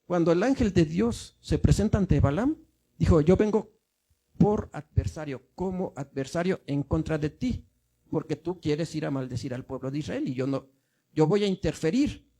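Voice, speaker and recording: A man's voice: a little high, gravelly, warm tone, husky. A male minister giving a teaching sermon, explaining step by step and often asking the congregation if they follow. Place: church.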